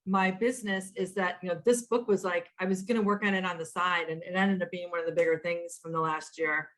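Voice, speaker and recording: A woman in her fifties, a podcast guest telling stories in an animated way, often quoting herself and restarting sentences, over a video call. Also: lowish voice, a little fast. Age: 50s. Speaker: guest, author and entrepreneur. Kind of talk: conversational storytelling.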